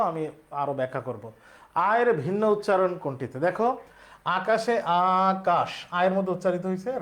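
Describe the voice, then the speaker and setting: A man with a high voice teaches a live online exam-prep class. He walks through each point step by step, repeats key words and keeps asking the class questions. He reads example sentences slowly, his pitch lifting as he quotes them.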